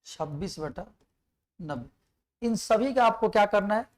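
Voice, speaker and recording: A man's voice: high-pitched, animated, measured pace. A man teaching an exam-prep math lesson, explaining step by step, asking questions and answering them himself, and reciting numbers and tables aloud.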